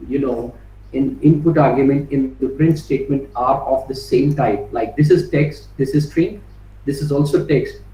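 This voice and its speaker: A workshop instructor teaches an online coding session, talking through live code, peppering his speech with "right?" and "you know," restarting and repeating words as he types, and reading code strings out slowly. His voice is medium-pitched and dark. He sits far from the mic, so the recording sounds roomy, with faint background noise.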